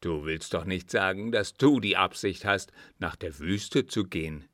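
A man voicing an excited young officer friend in an audiobook, loud and astonished. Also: deep voice, a little slow, no echo, clean studio sound. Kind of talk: audiobook dialogue reading.

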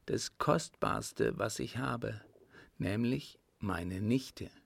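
A rich widowed countess, older and resolute, speaks softly and confidingly, voiced by a male audiobook reader who lifts his pitch. Her words come slowly, with a gravelly edge. The sound is close and dry. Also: no room sound, full character voice. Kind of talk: audiobook reading.

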